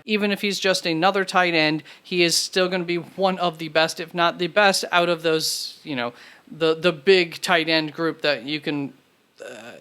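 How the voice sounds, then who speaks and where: A man's voice: on the high side, sharp tone, clean tone. A man hosting his fantasy football channel, talking through notes in a casual, conversational way with frequent fillers and self-corrections. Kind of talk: casual solo analysis.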